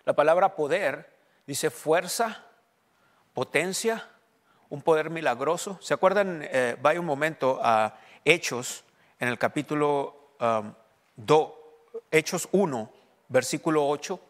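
A man's voice: on the high side, expressive, takes it slowly. A man preaching a bilingual sermon in Spanish and English, often asking his congregation questions and reading scripture aloud. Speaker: pastor. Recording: long hall reverb.

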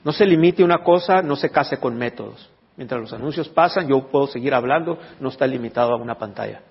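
Husky male pastor in a reverberant church. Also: medium pitch, fast. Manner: teaching, asks the congregation questions. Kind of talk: sermon. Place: church hall. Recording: dull recording with long reverb.

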